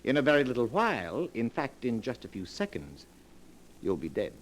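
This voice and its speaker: An actor playing a smooth, polite, calculating murderer in a theatrical 1940s radio drama style. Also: male voice, mid-range voice, wildly swooping pitch, normal speed. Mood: coldly menacing. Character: suave, cold-blooded scheming male murderer. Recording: noisy 1940s radio broadcast recording.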